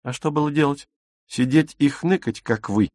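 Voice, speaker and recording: A man's voice: a little high, normal speed, a little mellow, dry recording, clean studio sound, voice pushed up, natural voice. A man voicing a fierce, commanding young woman. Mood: bitter. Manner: commanding, scornful. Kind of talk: audiobook character reading.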